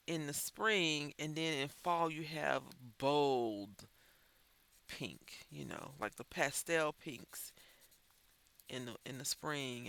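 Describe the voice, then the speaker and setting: A man with a high-ish, gravelly voice that sounds pushed, bright, and stuffy with congestion. Hosting a crafting channel, he rambles and thinks aloud while coloring in a casual chat.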